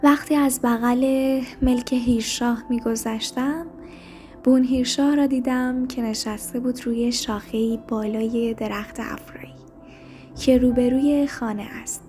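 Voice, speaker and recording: A woman reading a story aloud in a soft, hushed narration. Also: fairly high pitch, steady tone, faint music behind. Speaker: story reader.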